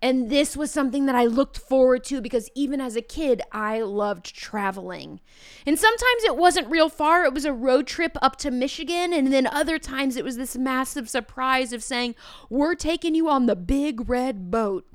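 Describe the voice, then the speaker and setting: A woman's voice: high-pitched, animated, moderate pace, no room sound, studio quality. A woman with a Midwestern American accent hosting a podcast monologue, enthusiastic and heartfelt. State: emotional, near tears. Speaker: podcast host.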